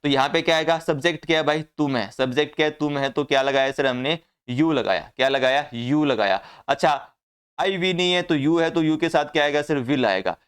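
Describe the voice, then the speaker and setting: A man's voice: fairly high pitch, brisk, clean tone. A man teaching an English grammar class, often asking the class questions and answering them himself.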